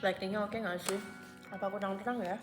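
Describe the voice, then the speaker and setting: Over loud music, a twenties vlogger talks to camera at home in a fairly quick, mid-range voice with fairly even intonation. The room echoes, and her casual, chatty speech is packed with fillers and frequent English phrases.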